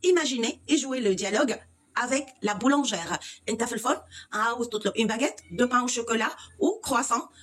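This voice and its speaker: Brief: husky woman French teacher, Egyptian accent, raised pitch, slow patient explanations. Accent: Egyptian Arabic. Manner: explains slowly, repeating words and asking questions of the learners. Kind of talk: language lesson, switching between French and Egyptian Arabic.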